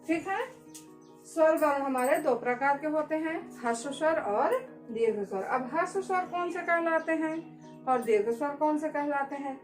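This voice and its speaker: A woman teacher giving a lesson slowly, repeating key words and asking questions she answers herself. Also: high voice, reverberant, faint music behind, low-quality recording. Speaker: school teacher. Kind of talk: classroom-style lesson.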